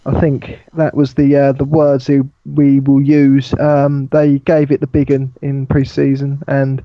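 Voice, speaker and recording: A man's voice: medium pitch, monotone, measured pace, lo-fi sound, slight background noise. A British man speaking as a team boss guest, blunt and swearing freely. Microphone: online call mic.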